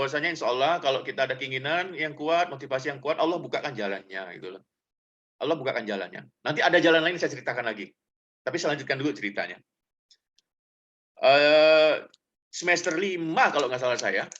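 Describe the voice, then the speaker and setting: Bright-voiced chatty middle-aged man. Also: on the high side, muffled recording. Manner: chatty, loose, full of fillers, addresses listeners directly. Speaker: guest speaker. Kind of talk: casual personal storytelling talk to students.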